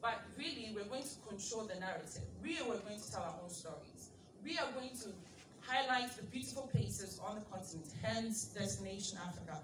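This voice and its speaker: A Ghanaian TV show host in her thirties gives an animated speech to an audience, tossing out rhetorical questions and laughing asides in a mid-range voice at a slightly quick pace. She uses a handheld mic in a large indoor event space, but the recording is made from far back in the audience, so it sounds distant and echoey, with ambient noise and crowd ambience.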